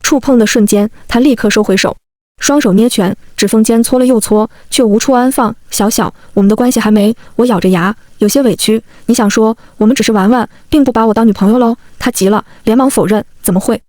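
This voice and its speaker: A woman's voice: a little high, brisk, dark tone, no echo, clean studio sound. A young woman telling a first-person romance story, voicing all the characters in her own light voice. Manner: plays every character in the same light voice. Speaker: narrator.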